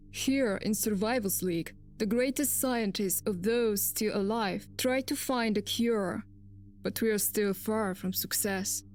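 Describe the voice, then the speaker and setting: A woman narrating the opening of a game in a slow, grave, scripted delivery. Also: mid-range voice, a little mellow, slight background noise, close to an everyday voice.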